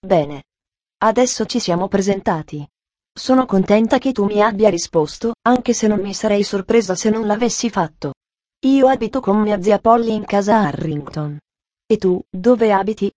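A woman's voice: medium pitch, moderate pace, darkish tone, no room sound, natural voice. A woman voicing a cheerful, chatty young girl who explains things earnestly, in a storybook reading. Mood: curious.

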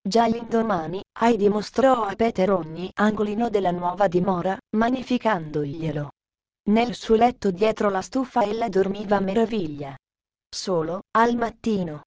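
Woman calmly narrating a storybook. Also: mid-range voice, moderate pace, muffled recording, a crowd in the background.

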